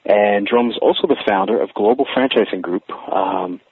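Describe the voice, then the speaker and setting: A man in his forties hosting a radio interview show, upbeat and energetic, often laughing. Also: on the low side, fairly quick, slight background noise. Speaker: radio talk show host. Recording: phone-like, narrow radio line.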